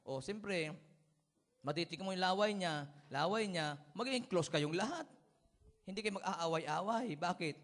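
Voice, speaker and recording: A man's voice: high voice, expressive, a little slow, a bit bright. A man preaching a sermon with humor, often asking for amens and chuckling at his own everyday stories.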